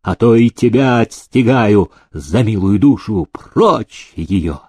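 A man voicing a domineering old factory owner who shouts slow, drawn-out threats. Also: fairly low pitch, expressive, husky, no echo, studio quality, exaggerated voice.

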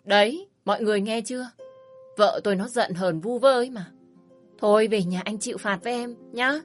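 A woman's voice: medium pitch, a little fast, faint music behind, close to an everyday voice. Woman putting on a smug, pushy ex-husband. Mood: placating. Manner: wheedling, mocking, overly familiar. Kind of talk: storybook narration.

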